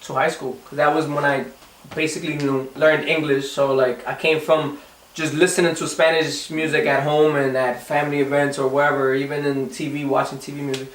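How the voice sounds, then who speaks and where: A man's voice: fairly high pitch, level tone, fairly quick, reverberant, distant mic, a little hiss or hum, low-quality recording. A young man from the Dominican Republic, a singer answering interview questions casually, often restarting and repeating words. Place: recording studio.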